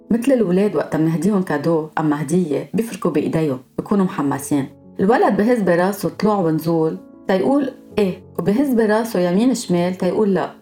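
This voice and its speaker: A woman's voice: fairly low pitch, warm tone. A woman with a Lebanese accent hosting a podcast, explaining her topic in a scripted monologue and going through examples one by one. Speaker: podcast host.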